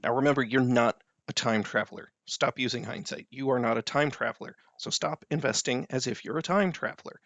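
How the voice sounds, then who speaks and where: A man's voice: mid-range voice, brisk, hardly any pauses, fairly bright tone, no echo. A man hosting a personal finance video, giving blunt, emphatic advice in an explanatory monologue.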